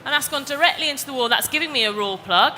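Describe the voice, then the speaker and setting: Woman doing a live diy demo, bright voice, long hall echo. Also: high voice, lively intonation, fast. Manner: chatty, explains step by step. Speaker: DIY presenter. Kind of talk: live demonstration talk. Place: exhibition hall stage. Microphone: headset or lapel mic. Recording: reverberant hall, faint background noise.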